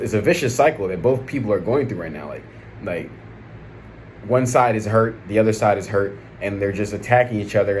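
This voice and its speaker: A low-pitched American man speaks in a casual, slangy vlog style. He rambles through his opinions conversationally, checking in with the listener often. There is some background noise behind him. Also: a little mellow. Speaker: vlog host.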